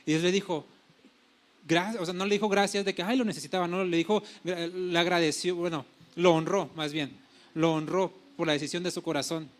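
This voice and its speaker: A middle-aged male pastor delivers a sermon in a notably high voice. He retells scripture as lively paraphrased dialogue, often stopping to correct himself mid-phrase. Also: brisk.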